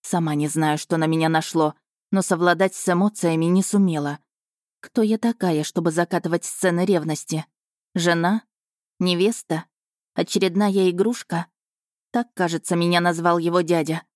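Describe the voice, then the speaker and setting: A woman narrating a first-person audiobook in an expressive, lively storytelling manner. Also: lowish voice, moderate pace, no echo, studio quality.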